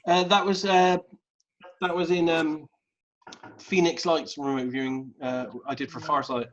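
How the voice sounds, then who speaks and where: A man hosting a casual group video call, speaking in a halting way and repeating words as he thinks aloud. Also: fairly high pitch, flat delivery, fairly bright tone. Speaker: host. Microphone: video call mic. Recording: dull lo-fi video call audio.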